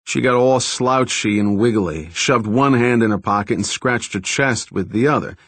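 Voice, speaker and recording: A man's voice: mid-range voice, normal speed, a bit bright, dry recording. A man reading a first-person thriller audiobook in a wry, dry manner. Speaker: audiobook narrator.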